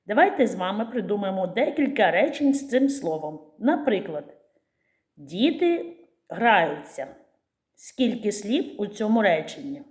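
A woman teacher with a Ukrainian accent giving a preschool literacy lesson in a slow, clear, sing-song voice to small children. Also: mid-range voice, a little mellow.

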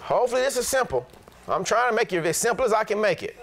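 A middle-aged pastor preaching a sermon in an animated, blunt, plain-spoken way. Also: male voice, high-pitched, fast talker, creaky.

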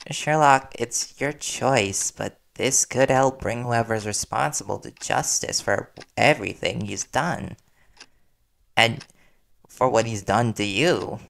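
A man voices a young reporter boyfriend, worried and devoted, in an intimate audio roleplay, his speech earnest, soothing and hesitant. The voice is fairly low and gravelly, there is background noise, and the mood conveys gentle concern.

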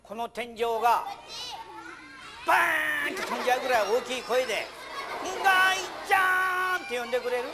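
A man's voice: extremely high pitch, a little fast, gravelly, a loud crowd, heavy background noise. A man performing a puppet show for children, playfully scolding his puppet and calling out to the audience.

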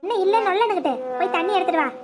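A stubborn young husband in an animated family drama, voiced by a woman. He barks short commands in a very high, fast voice. He holds his grudge. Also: very noisy. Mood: curt. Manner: curt, commanding.

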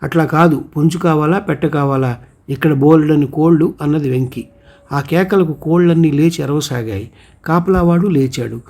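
A man narrating a folk tale in a steady storytelling manner, voicing the characters' lines himself. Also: fairly high pitch, normal speed. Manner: steady storytelling with voiced quotes.

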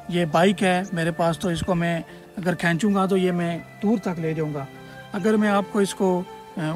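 A man leads a casual outdoor tour through open scrubland. His voice sits fairly high, and he explains things in a rambling way full of hesitant fillers. Faint music plays underneath. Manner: louder and more energetic while walking through the brush. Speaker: travel vlogger. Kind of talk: casual tour-guide vlog. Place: outdoors in open scrubland by an old stone bridge.

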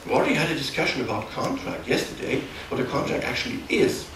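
In a large, darkened conference hall, a middle-aged German-accented man presents a technical workshop, his medium-pitched voice very animated even as his explanations halt and self-correct. He hails from Germany near the Dutch border. A camera mic at a distance records the echoing room and some background noise.

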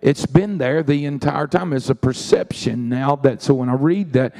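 A man preaching a sermon in a church. His voice is dark and mellow at a middling pitch. He tells folksy stories and sprinkles in frequent amens. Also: normal speed. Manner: folksy storytelling with frequent "amen"s.

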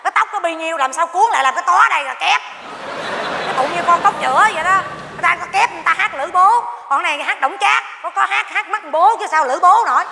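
A cheeky teasing daughter. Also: female voice, extremely high pitch, gravelly. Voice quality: quick teasing banter. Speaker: stage comedy actress. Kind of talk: live stage comedy. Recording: hall reverb with loud audience and noise.

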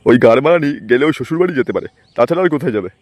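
A man's voice: medium pitch, animated, rapid-fire, darkish tone, no echo, close to an everyday voice. A man voicing a bossy, foul-mouthed thug moneylender in a cartoon. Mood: menacing. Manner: swearing, bossy. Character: thuggish male moneylender boss, rough and threatening.

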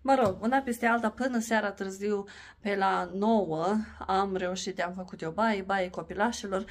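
A woman in her thirties from Romania, talking casually through her home vlog as a mother. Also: mid-range voice. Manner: chatty, lively, coaxing with children. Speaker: vlogger, mother.

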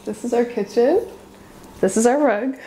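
A woman's voice: on the high side, moderate pace, dark tone, a little hiss or hum. A woman in her twenties giving a gushing, casual house tour of her small apartment. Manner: bubbly, gushing, says cute a lot. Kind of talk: casual chat. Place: small apartment kitchen and living room, indoors.

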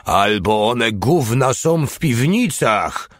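A man voicing a big, brash male soldier who jeers and shouts in slow, drawn-out lines. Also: fairly low pitch, no echo, studio quality. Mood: shouting.

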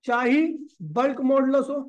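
A man's voice: extremely high pitch, flat delivery, measured pace, dull audio. A man teaching physics in a classroom lecture. He asks the class questions and answers them himself, calling the students brother and kid.

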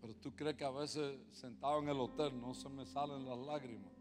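A man preaching a sermon as pastor, moving from quiet confiding talk to loud, impassioned preaching and slipping in English words. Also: mid-range voice, fairly even intonation, moderate pace. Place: large church hall. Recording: long hall reverb with music behind.

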